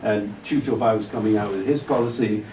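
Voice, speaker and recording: In a lecture hall, a man with a lowish, mellow voice answers an audience question at a fairly quick pace, rambling discursively with frequent restarts and "you know". The audio is roomy and captured from a distance, with a little hiss or hum.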